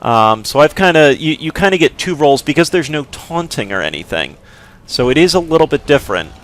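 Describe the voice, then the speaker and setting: A man with a voice on the high side does a casual game walkthrough, explaining as he plays. His pitch swings widely, his pace is brisk, and the tone is fairly bright. He rambles along, hedging constantly and filling gaps with fillers.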